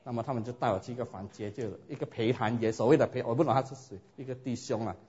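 A man preaching a sermon and telling his own story in a lively way, often asking his listeners rhetorical questions. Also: mid-range voice, quick pace. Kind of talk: sermon with personal testimony. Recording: dull lo-fi recording.

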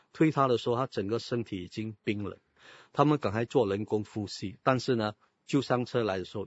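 A man preaches to his congregation, firing rhetorical questions at them and dropping in English words. His voice is husky and dry, and the recording sounds dull and lo-fi. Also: mid-range voice, no echo. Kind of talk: sermon.

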